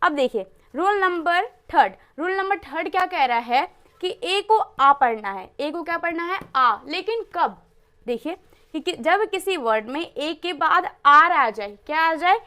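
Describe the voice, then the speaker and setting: This classroom-style pronunciation lesson comes from a woman with a very high, pushed and bright voice, expressive yet measured in pace. She explains English pronunciation rules, questioning herself, answering, and spelling out words letter by letter.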